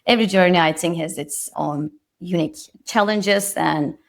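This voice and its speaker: With a gravelly, lowish voice and a moderate pace, a Turkish woman in her thirties speaks as a podcast guest. Her Turkish accent is clear, and she sounds reflective and modest, often restarting what she says.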